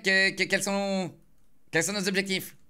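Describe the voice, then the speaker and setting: A male streamer roleplays phone calls in a very bright, fairly high voice. He answers with exaggerated politeness and a teasing undertone. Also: flat delivery, measured pace, clean tone. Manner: polite, mock-formal, teasing. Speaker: streamer playing a roleplay character.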